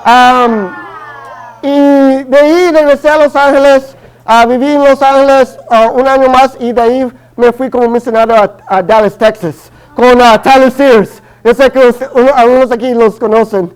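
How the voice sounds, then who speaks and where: In a Spanish-language sermon, a Los Angeles man in his early thirties with Guatemalan family roots preaches hesitantly, full of fillers and restarts, in a Chicano Spanish accent. His voice is very high-pitched with fairly even intonation, a moderate pace and a clean tone, though the audio quality is poor.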